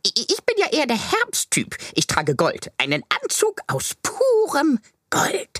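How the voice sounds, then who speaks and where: A woman's voice: medium pitch, wildly swooping pitch, normal speed, a bit bright, breathy edge, no room sound, exaggerated voice. A woman voicing a pompous, fussy, self-important man who is pedantic and rambles when anxious, in a comedic character sketch.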